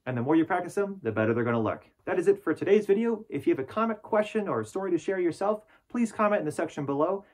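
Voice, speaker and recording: A man's voice: high voice, animated, fast talker, few pauses, darkish tone. A man speaking from inside a costume head, patiently explaining movement technique in an encouraging tutorial style. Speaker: parkour instructor in a fursuit. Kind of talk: instructional tutorial.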